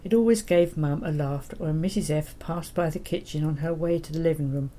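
An older woman, reading her childhood memoir in a gentle, wry manner. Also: sits low, fairly quick. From England. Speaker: memoir narrator.

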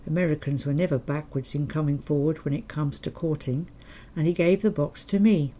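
A woman's voice: low voice, steady tone, a little fast, a little hiss or hum. Older woman reading her memoir. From England. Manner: gentle, wry storytelling. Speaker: memoir narrator.

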